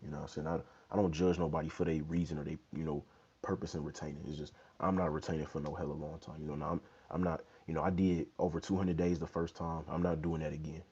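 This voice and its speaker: Fast, mellow and husky, a very deep-voiced young man keeps a level tone while answering questions on his fitness livestream. He's laid-back and slangy, often dropping "you know what I'm saying." The casual Q&A comes from a small bedroom through a wired earbud mic on a low-held phone, sounding dull and lo-fi.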